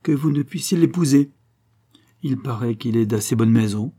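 A man's voice: medium pitch, normal speed, warm tone, lightly acted. A man voicing a jealous, mocking young Spanish nobleman in a cold, sneering manner.

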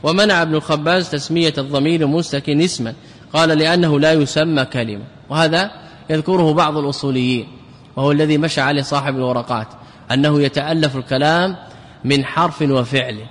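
A man's voice: on the high side, quick pace. A man teaching a grammar class, repeating words to drill them and putting questions to his students. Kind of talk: classroom lecture. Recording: lecture hall with long reverb.

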